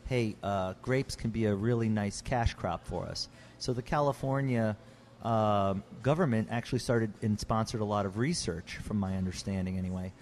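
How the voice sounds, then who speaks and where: A man's voice: fairly low pitch, a little mellow, a little hiss or hum. A middle-aged man, a winemaker explaining his trade in an earnest, casual way with frequent restarts. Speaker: Texas winemaker guest. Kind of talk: casual interview talk.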